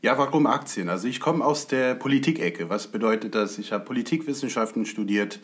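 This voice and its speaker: A man's voice: medium pitch, a little fast. A man raised in the USA, a guest explaining his views in an earnest, conversational way. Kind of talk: conversational talk.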